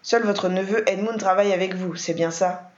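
Woman reading a calm male investigator. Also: mid-range voice, close to an everyday voice. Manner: measured, calm. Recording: roomy, dull lo-fi.

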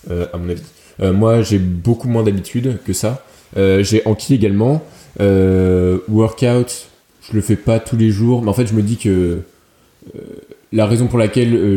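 Man, low dark mellow voice, podcast chat, roomy echo. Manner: reflective, explanatory, hesitant. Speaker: podcast co-host.

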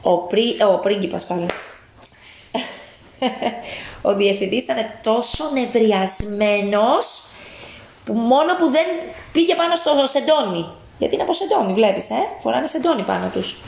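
A woman at home reads a children's picture book aloud, pausing often to ask her listener questions. Her fairly high voice has a gravelly edge. The room echoes and there is a faint noise behind her. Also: animated, darkish tone. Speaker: parent reading to a child.

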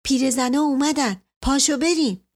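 A woman voicing a secretive village man who urges in a hushed way. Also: high voice, voice pushed up, lightly acted. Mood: urgent.

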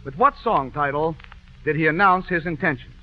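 A man hosting an old-time radio quiz show, joking and bantering with his band in a brisk patter. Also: on the high side, soft background music. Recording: dull lo-fi old radio broadcast.

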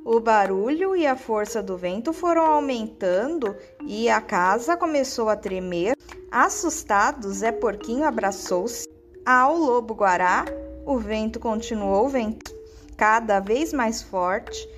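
A woman narrating a children's story in a gentle storytelling manner. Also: fairly high pitch, animated, a little slow, music in the background.

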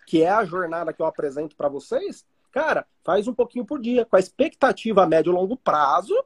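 A man's voice: high-pitched, sing-song, fairly quick, slightly rough. A man with a Brazilian Portuguese accent, a trading teacher chatting casually and explaining through everyday analogies. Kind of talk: casual podcast chat.

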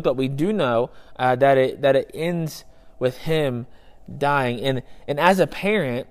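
A man's voice: fairly high pitch, smooth. A young man preaching a sermon in an earnest, conversational way, repeating phrases for emphasis. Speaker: pastor.

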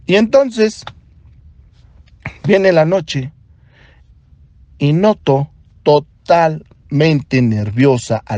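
A man with a Mexican accent, a podcast host and doctor, telling a story in an animated way and acting out the dialogue. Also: a little high, gravelly, no echo. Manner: animated, acts out dialogue in other voices. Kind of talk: storytelling monologue.

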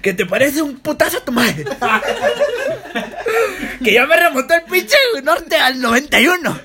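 A man's voice: extremely high pitch, lively intonation, normal speed, a crowd in the background, pitched above the performer's own voice. A man voicing a crude, boozy father, swearing and rambling. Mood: mock angry. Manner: swearing, rambling, laughing through lines. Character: crude boozy father with mock Spain accent.

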